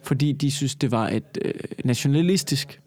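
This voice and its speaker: A man co-hosting a podcast in casual chat, animated and emphatic, with frequent swearing. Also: mid-range voice. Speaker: podcast co-host.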